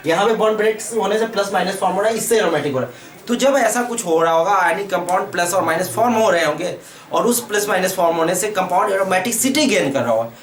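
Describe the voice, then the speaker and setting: A man's voice: high voice, expressive, fast talker, slight background noise. A man with an Indian accent teaching chemistry at a board, asking questions and answering them himself while repeating key terms. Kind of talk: whiteboard lecture. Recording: echoey room, mic far off.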